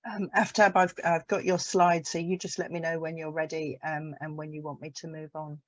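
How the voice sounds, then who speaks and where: A woman's voice: sits low, level tone, moderate pace. A woman chairing an online meeting, introducing speakers over a video call with frequent fillers and restarts. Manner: hesitant, many fillers and restarts. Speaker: conference chair. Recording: dull, dry online call audio.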